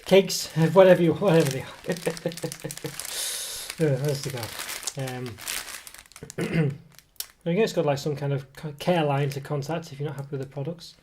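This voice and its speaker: A food reviewer nursing a cold, his voice coming and going, casually reviews a snack at an indoor table. His voice is a little high and darkish, unhurried, with long pauses in a rambling, hesitant delivery packed with fillers and self-corrections. The table camera mic picks up slight background noise.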